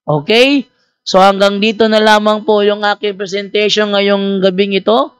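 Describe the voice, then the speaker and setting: Animated male priest telling a story. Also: sits high, normal speed, clear, resonant tone, no echo, clean studio sound. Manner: animated, teasing storyteller acting out both sides of a dialogue; conversational, with frequent fillers and restarts. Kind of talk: storytelling apologetics talk.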